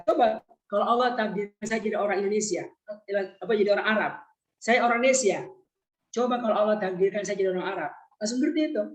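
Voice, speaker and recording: A man teaching a Quran lesson in an online webinar, putting questions to his listeners and slowing right down when he recites. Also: high-pitched, echoey room. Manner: questions the audience, slow drawn-out recitation. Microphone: video call.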